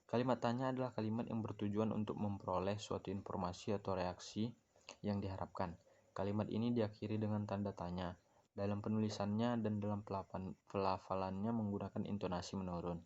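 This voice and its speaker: A young man presents a class lesson, reading steadily from his notes and correcting the odd stumble. His voice sits low and barely moves in pitch. The recording is dull and lo-fi. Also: fairly even intonation, brisk, a little mellow. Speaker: student presenting a class assignment. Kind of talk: read-aloud lesson on grammar.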